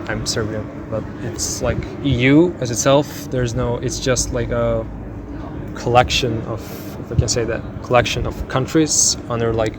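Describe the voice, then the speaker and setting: A man's voice: medium pitch, background noise. A man who works in music and fine arts, rambling with many fillers in an interview. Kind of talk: casual interview.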